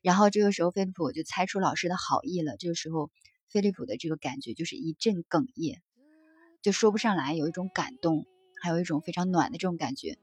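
A woman reading passages from a book aloud and reflecting on them in a gentle, conversational way, with soft fillers between thoughts. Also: lowish voice, quick pace, husky, no echo. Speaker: book-sharing presenter.

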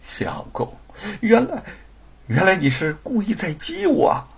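A man voicing a devoted young wife in an audiobook, speaking higher and in an emotional, pleading manner. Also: wildly swooping pitch, measured pace, gravelly, darkish tone, husky, heavily acted. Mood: determined.

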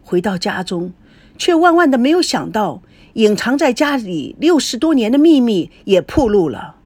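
A woman narrating a serialized audiobook novel in a slow, measured storytelling voice. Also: fairly high pitch, very animated, darkish tone, slight background noise.

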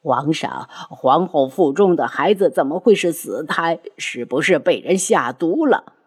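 A woman's voice: deep voice, lively intonation, a little slow, slightly rough, no room sound, studio quality, full character voice. A woman voicing an old male chancellor who pleads tearfully with the emperor. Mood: pleading. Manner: pleading, mournful.

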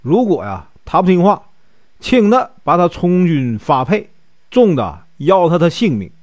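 A man with a Northeastern accent plays a cunning, flattering servant in a told story. The voice swings lively in pitch and sits on a dry, close sound. He talks low and conspiratorial, pitching a wicked plan. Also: measured pace, no room sound. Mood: scheming. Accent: Northeastern Mandarin. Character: sly scheming male servant, flattering.

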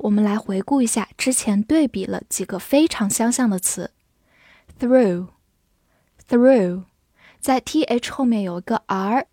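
A woman teaching English vocabulary to Chinese learners, spelling each word letter by letter and reading the example sentences slowly. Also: on the high side, darkish tone, dry recording, clean studio sound. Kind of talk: scripted vocabulary lesson.

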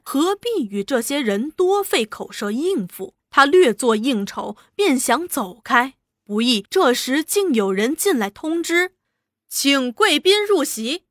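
Expressive woman narrating a novel. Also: a little high, no room sound, studio quality. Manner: expressive, dramatic reading. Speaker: audiobook narrator.

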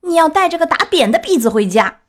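A woman voicing a gang of rude, mocking schoolboys in a storybook reading, shrill, jeering and shouty. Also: sing-song, quick pace, heavily acted. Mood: threatening.

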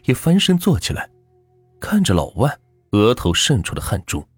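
A man tells a ghost story in a husky, fairly low voice whose pitch rises and falls with the drama. The sound is dry and close to the mic. Soft music plays faintly underneath. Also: huge pitch swings, moderate pace, dry recording.

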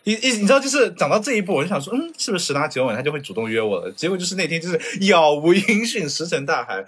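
A man's voice: a little high, rapid-fire, husky. A man from China, co-hosting a casual podcast chat, telling stories with lots of energy and acting out the other people in them. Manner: lively storyteller, mimics voices in his stories. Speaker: podcast co-host. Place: lives in Japan.

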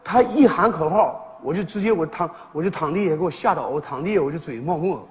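Playing a father in a northeastern Chinese comedy sketch, the actor speaks in a slightly high voice at a fairly quick clip, animated and teasing with frequent laughter. It's a live stage recording with hall reverb and audience present.

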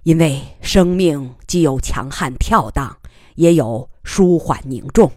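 A woman reading a storybook, voicing a cheerful friend who speaks in a lively, animated way, with a raised voice. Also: mid-range voice, takes it slowly, dry recording, clean studio sound. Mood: cheerful, persuasive. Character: cheerful admiring friend, eager and persuasive.

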